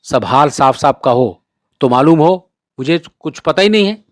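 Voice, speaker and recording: Brief: a man reading as a worried, educated husband, measured questions, dry sound. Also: on the high side, animated, dry recording. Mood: questioning. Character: calm educated elder brother, worried.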